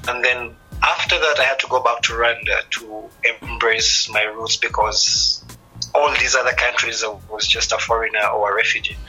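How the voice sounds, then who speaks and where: A man, a musician guest speaking thoughtfully, with many pauses, in a radio interview. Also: medium pitch, fairly even intonation, pushed and bright, faint music behind, low-quality recording. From East Africa. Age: 30s.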